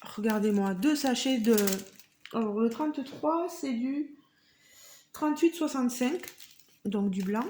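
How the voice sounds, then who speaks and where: A woman's voice: on the high side, lively intonation, measured pace, long pauses, warm tone, reverberant, a little hiss or hum. A woman vlogger chatting to her viewers as she unboxes a craft kit, marvelling at each item. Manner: chatty, addresses viewers directly; marvels at the items she shows. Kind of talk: casual unboxing vlog.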